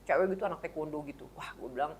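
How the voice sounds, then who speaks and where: A woman's voice: low voice, very fast. A woman, co-hosting a casual chat and telling a story animatedly, acting out the quotes. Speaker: co-host.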